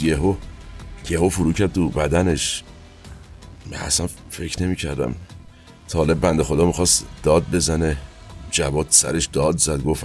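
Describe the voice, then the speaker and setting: A man narrating his own past in a colloquial, halting way, with asides and trailing fillers, over faint background music. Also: a bass voice, darkish tone. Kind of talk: first-person spoken recollection.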